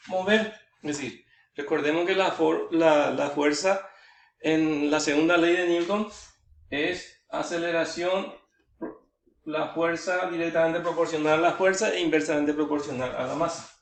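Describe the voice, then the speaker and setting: A male teacher explaining physics step by step in a lecture, repeating words as he works through calculations. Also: fairly high pitch. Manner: step-by-step, repeats words while working out sums. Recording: echoey room, voice from far off.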